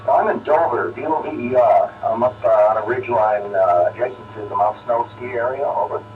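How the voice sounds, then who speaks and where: A man calling in over amateur radio with a casual check-in, phrasing haltingly. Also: mid-range voice. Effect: radio transmission. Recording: tinny narrow-band radio link, distant, noisy.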